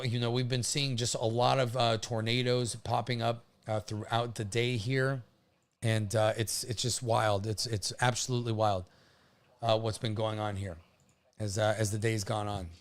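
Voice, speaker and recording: Halting, informal man giving live storm commentary. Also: medium pitch. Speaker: livestream host covering a hurricane.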